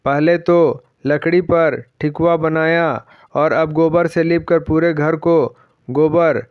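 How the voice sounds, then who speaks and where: A man's voice: on the high side, fairly even intonation, takes it slowly, clean tone, dry recording. A man reading the lines of a spoiled, scornful young daughter-in-law, irritable and sneering, in a slightly dull, dry recording.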